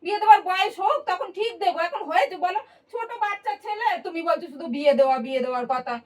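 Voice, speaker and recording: A protective mother, voiced by a woman, talks fast and high, coaxing and pleading. She sounds a little distant from the microphone. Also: animated. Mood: protesting. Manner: soothing, pleading, defensive. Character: protective mother of grown son. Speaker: mother in family skit.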